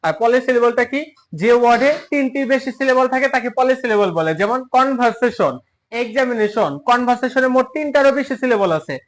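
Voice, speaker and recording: High-pitched fast-talking male teacher. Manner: asks questions and answers them himself; spells words out slowly syllable by syllable. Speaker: English teacher. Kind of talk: classroom lesson lecture.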